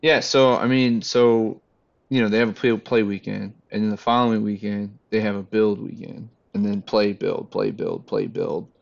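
Captured in dull, lo-fi sound, an airsoft game organizer chats on a podcast, laid-back and meandering, with plenty of fillers. His gravelly voice is fairly low, with a steady tone at normal speed.

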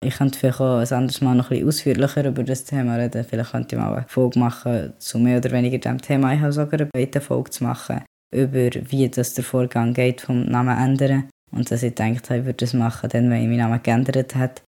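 A young man hosting a podcast, talking calmly and quietly in casual chat. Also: mid-range voice, fast, creaky. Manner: calm, quiet talker, rises when emotional. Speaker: podcast host.

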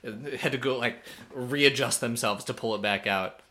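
A man's voice: mid-range voice, normal speed, sharp tone. A man co-hosting a podcast, recapping a reality show episode in casual, opinionated chat. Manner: opinionated, recaps events with quoted asides. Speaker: podcast co-host.

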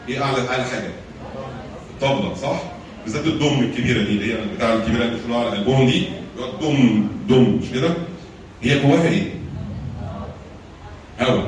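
A man with an Egyptian Arabic accent gives a church lecture on handling anger, rattling through his points at high speed. He keeps putting rhetorical questions to his listeners and repeating key phrases. He is recorded from far off in a very echoey room. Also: slight background noise. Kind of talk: talk on anger management with slides.

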